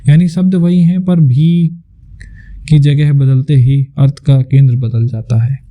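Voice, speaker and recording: A man narrating a scripted lesson as a teacher, explaining in a clear, measured way. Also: mid-range voice, fairly even intonation, dark tone.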